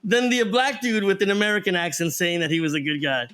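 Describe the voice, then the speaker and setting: Casting: male podcast co-host, high voice, chatty and jokey. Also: expressive, fast, fairly bright tone, clear, resonant tone. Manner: chatty, jokey, laughs easily. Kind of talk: casual film review chat.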